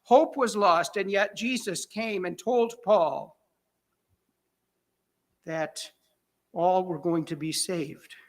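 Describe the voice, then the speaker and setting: A man's voice: high voice, takes it slowly, pauses often. A man preaching a sermon as pastor, in a conversational way with chuckles and self-corrections.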